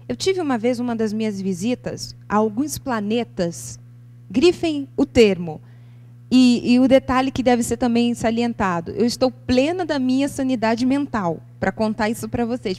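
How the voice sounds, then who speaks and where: A Brazilian woman lecturing to a live audience on music and spirituality, animated and expressive, asking her listeners question after question. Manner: lively, expressive intonation with sudden leaps in pitch. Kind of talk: seminar talk to a live audience. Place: lecture venue.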